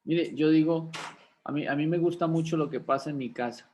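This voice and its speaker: A man's voice: a little high, fairly quick, darkish tone, slight background noise. A man, a pastor teaching a class in a conversational sermon style, often checking in with rhetorical questions. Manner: folksy, asks rhetorical questions of listeners.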